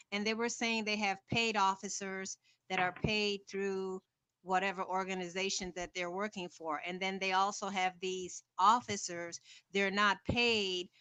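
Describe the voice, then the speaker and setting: A woman's voice: mid-range voice, sharp tone, clean tone, no room sound. A woman calling in to an informal panel, asking questions and insistently repeating her points. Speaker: panel caller.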